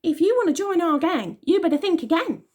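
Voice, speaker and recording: A woman's voice: very high voice, lively intonation, fairly quick, a little mellow, voice pushed up. A woman voicing a tough girl who leads a street gang, scornful and demanding.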